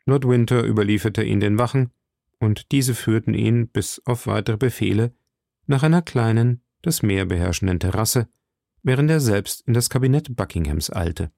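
Male narrator for a storybook reading; gravelly, dry, close, steady. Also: on the low side, moderate pace, no echo. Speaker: reader. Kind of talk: audiobook reading.

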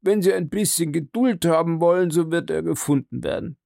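A man's voice: fairly high pitch, fairly quick, vocal fry, mellow, no room sound, studio quality, pitched above the performer's own voice. A man doing a flustered hotel porter. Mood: placating. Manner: flustered, placating.

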